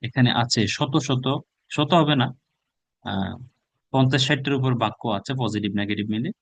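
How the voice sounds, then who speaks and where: A man's voice: mid-range voice, no echo. Bangladeshi man drilling English phrases. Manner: drills phrases with rapid repetition. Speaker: English teacher. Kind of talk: online spoken English class.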